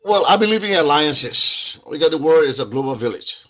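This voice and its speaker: A man's voice: on the high side, lively intonation, brisk, fairly bright tone. A man with a Liberian accent, a guest on a discussion podcast, talking earnestly and repeating words as he builds his point.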